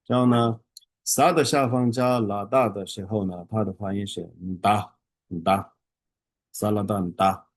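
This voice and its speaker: Male teacher with a lowish voice, dry sound, drills syllables slowly with halting fillers. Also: steady tone, dry recording. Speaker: Tibetan language teacher. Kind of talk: online beginner lesson.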